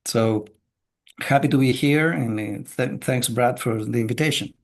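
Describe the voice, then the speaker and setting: A middle-aged Chilean business coach speaks casually as a podcast guest, measured and full of filler sounds. His voice is medium-pitched.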